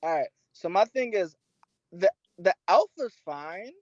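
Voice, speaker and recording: A man on a gaming podcast giving his takes in a blunt, wry, slangy way. His pitch swings widely, and his voice is recorded close and dry, with no room sound. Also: animated, measured pace, dry recording, highs cut off. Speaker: podcast co-host. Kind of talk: casual gaming chat.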